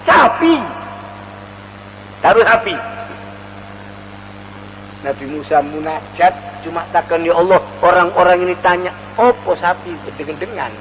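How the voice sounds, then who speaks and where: High-voiced preacher in echoing hall. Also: male voice, muffled recording, slight background noise. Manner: animated storyteller, chants Quranic verses slowly. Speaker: Islamic preacher. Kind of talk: sermon storytelling. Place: mosque hall.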